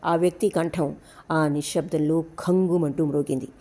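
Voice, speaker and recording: A woman narrating a novel as an audiobook, with steady, dramatic storytelling. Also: deep voice, moderate pace. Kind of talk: scripted narration.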